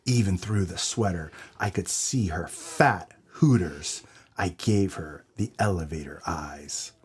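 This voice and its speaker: A man's voice: sits low, slow, breathy edge, exaggerated voice. A man playing a brash, dim hard-boiled noir detective in a comedic audio drama, with a tough-guy delivery. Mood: brooding narration.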